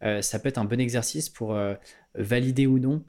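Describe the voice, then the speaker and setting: Male podcast host, middle-pitched, loose and chatty, keeps restarting his sentences. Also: fairly even intonation, normal speed, mellow. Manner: casual, rambling, many fillers and restarts. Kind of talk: podcast interview.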